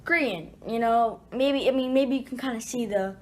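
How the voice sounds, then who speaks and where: A woman's voice: on the high side, normal speed. A woman casually telling a personal story to her viewers, rambling with restarts and fillers.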